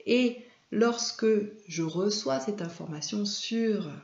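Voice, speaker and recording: A woman from France gives an explanatory lesson on film and media at a slow, deliberate pace, her voice carrying a gravelly edge. She pauses often, filling gaps with hesitations and correcting herself mid-phrase. The recording is echoey and slightly dull. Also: medium pitch. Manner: unhurried, hesitant, frequent fillers and self-corrections. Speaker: media trainer and presenter. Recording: echoey room, dull lo-fi sound.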